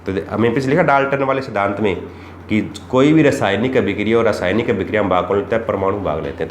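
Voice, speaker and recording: A man teaching chemistry for exams, asking rhetorical questions and repeating the key points. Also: lowish voice. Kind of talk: exam-prep lesson. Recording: echoey room with faint background noise.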